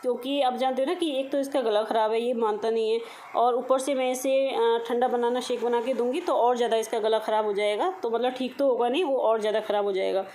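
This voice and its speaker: A woman's voice: fairly high pitch, fairly even intonation, quick pace, mellow, a little hiss or hum, low-quality recording. A woman in her thirties chatting casually to viewers in a home vlog, talking to them directly. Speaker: vlogger.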